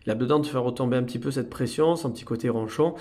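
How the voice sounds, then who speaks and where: A middle-aged French man who runs a cat hotel, talking softly to the cats in coaxing baby talk and calmly explaining to viewers. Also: medium pitch, rapid-fire. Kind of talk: casual vlog narration talking to cats.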